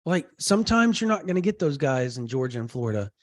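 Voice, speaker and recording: A man with a sinus infection, congested and talking through a cough drop, chatting excitably as a sports podcast co-host. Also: a little high, fast, no echo. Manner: rambling, excitable, many fillers. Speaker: co-host, recruiting reporter. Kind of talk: casual sports podcast chat.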